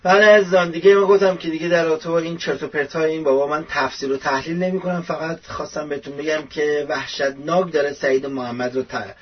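A man's voice: on the high side, steady tone, hardly any pauses, slightly rough. A man hosting his own commentary show, talking casually and rambling with many fillers. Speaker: youtube show host. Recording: dull lo-fi audio.

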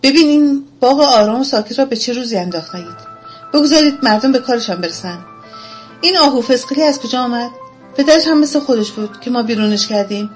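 A woman's voice: fairly high pitch, animated, soft background music, voice pushed up, lightly acted. Woman putting on a furious scolding wolf. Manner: threatening, scolding. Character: angry male wolf, garden bully.

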